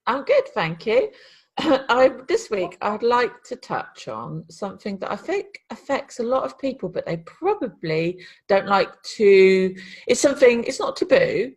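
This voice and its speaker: Husky-voiced woman, rambling chat. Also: medium pitch, big pitch swings, measured pace, a little mellow. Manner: rambling, restarts often. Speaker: podcast co-host, copywriter. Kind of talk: casual chat.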